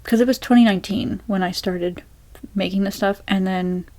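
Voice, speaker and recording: Soft-spoken woman rambling through a Q&A. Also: medium pitch, fairly even intonation, moderate pace. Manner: rambling, many fillers and restarts. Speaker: ASMR creator.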